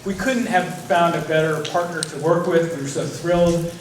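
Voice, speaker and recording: A man's voice: fairly high pitch, fairly even intonation, moderate pace, a little hiss or hum. Man giving thanks in a distant echo. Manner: thankful, loose, with fillers. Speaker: president of the event's foundation. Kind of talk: speech at a charity event. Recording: echoey, far from the mic.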